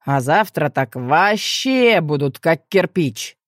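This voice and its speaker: A woman's voice: sits low, slow pace, no room sound, studio quality. Woman doing a blunt teasing jock. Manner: deadpan, teasing, rough. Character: blunt, cheerful young male athlete and guard.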